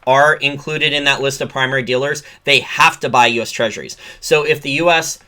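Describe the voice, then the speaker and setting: Bright-voiced man ranting about finance. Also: medium pitch, steady tone, brisk. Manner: sarcastic, ranting asides. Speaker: finance commentator. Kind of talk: solo commentary reading a report.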